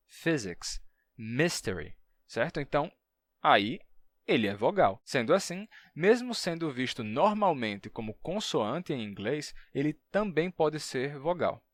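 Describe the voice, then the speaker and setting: Guy doing a linguistics lesson, sounds out syllables slow, mid voice, dry close mic. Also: mid-range voice, no echo. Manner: demonstrates sounds by repeating them slowly. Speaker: linguistics educator. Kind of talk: explanatory video lesson.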